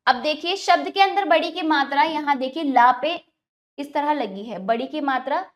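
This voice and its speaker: A woman teaching young children, patient and clear, repeating each word slowly so they can follow. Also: high voice. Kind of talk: classroom lesson for children.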